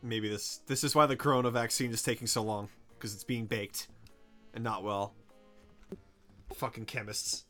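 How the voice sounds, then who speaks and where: A man's voice: lowish voice, steady tone, moderate pace, a bit bright, soft background music. A man co-hosting a casual chat, teasing his friend and swearing casually. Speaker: podcast co-host.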